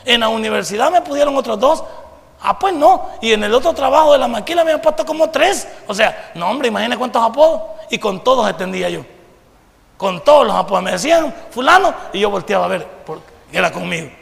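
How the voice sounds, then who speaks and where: Salvadoran pastor preaching, high voice, super gravelly, asks the crowd stuff and shouts sometimes, big church echo. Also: male voice, quick pace. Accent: Salvadoran Spanish. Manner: animated, rhetorical questions to the congregation, bursts of shouting. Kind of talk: sermon. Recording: long reverb of a church hall.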